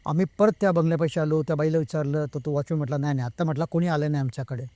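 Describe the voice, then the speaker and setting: Man telling a spooky story, mellow voice. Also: on the high side, fairly even intonation, racing, dry recording. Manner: retells the talk of others himself, slipping between Marathi and Hindi. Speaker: guest telling a true ghost story. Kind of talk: casual storytelling.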